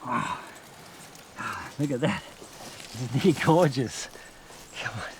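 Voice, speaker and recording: A wildlife presenter talking to camera outdoors in the desert, excited and animated while handling animals. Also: male voice, medium pitch, slow, a little hiss or hum.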